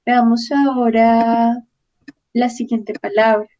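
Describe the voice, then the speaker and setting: A woman teaching a Spanish lesson, speaking slowly and patiently and pronouncing each word clearly. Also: fairly high pitch, little pitch movement, mellow, muffled recording. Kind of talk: online language lesson.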